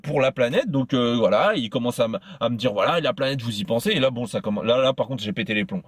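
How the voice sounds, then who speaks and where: A man telling a personal story to a friend, tripping over his words and circling back on phrases again and again. His voice sits at an ordinary middle pitch and is recorded close and dry, with no room sound. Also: fast talker, no room sound. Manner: stumbling, repeats himself often. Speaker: podcast host. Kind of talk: casual storytelling chat.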